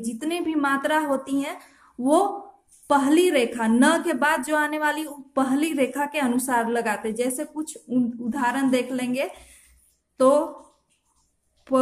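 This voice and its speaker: A woman teaching shorthand step by step, slowly spelling out each stroke and repeating her examples. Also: high voice, reverberant. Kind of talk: slow step-by-step tutorial.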